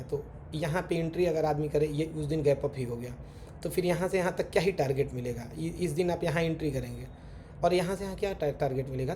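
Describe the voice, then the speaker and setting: A man's voice: on the high side, mellow. A man teaching chart reading, walking through examples step by step and saying "theek hai" again and again. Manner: repeats "theek hai" constantly, talks while drawing on charts. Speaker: trading teacher. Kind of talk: casual screen-share chart lesson. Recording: faint background noise.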